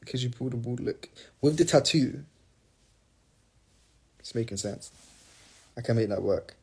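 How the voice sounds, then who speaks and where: A man's voice: fairly low pitch, creaky, warm tone, breathy edge. A young man casually reading fan questions aloud and answering them on a phone livestream, rambling and playful. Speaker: singer answering fans on a livestream.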